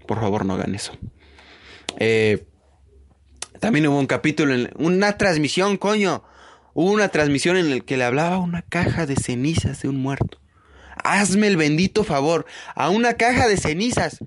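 Profane rambling Mexican man, higher voice. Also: expressive, moderate pace, slight background noise. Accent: Mexican Spanish. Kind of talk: casual comedic monologue.

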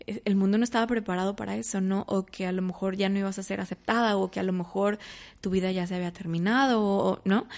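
A young woman, telling her life story as a guest in a casual interview and acting out the voices of her family. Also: mid-range voice. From Mexico. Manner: lively storyteller, acts out quoted family voices.

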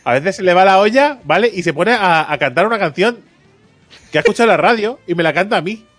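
A man co-hosting a podcast in casual chat, telling animated stories and acting out quotes with frequent laughter. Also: high-pitched, fast, no room sound, soft background music. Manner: animated storytelling, acts out quotes, laughs often. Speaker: podcast co-host.

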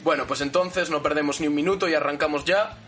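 A podcast host with a slightly high voice talks fast and conversationally, styling himself like a wrestling commentator. A guitar music bed plays behind him.

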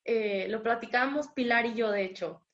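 A woman's voice: a little high, moderate pace, highs cut off. A young woman with a Mexican Spanish accent, speaking candidly as a guest in an interview and telling her personal story, sometimes acting out the dialogue. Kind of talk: personal testimony.

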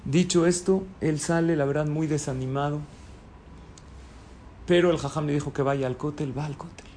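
A man's voice: fairly high pitch, fairly even intonation, normal speed, a little mellow, a little hiss or hum. A man telling a religious moral story, acting out the characters as he goes. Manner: dramatic storytelling, acts out the characters' pleading.

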